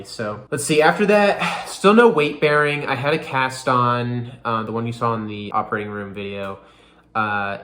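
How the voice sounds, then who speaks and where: A man's voice: mid-range voice, fairly bright tone. Young guy vlogging a casual update, rambly, lots of likes, roomy echo. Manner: rambling, lots of fillers like "you know" and "like". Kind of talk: casual recovery update vlog.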